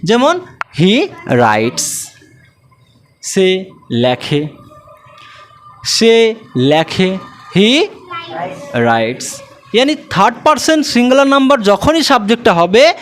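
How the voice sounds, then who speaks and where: Slow, lively teacher. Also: medium pitch, a little hiss or hum. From West Bengal. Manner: drawls English examples, asks and answers own questions. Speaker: English teacher. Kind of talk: spoken grammar lesson.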